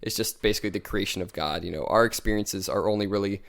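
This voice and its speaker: A man's voice: on the low side, fast, vocal fry, fairly bright tone. A man co-hosting a podcast, a student, explaining philosophy at length in casual chat and hedging as he goes.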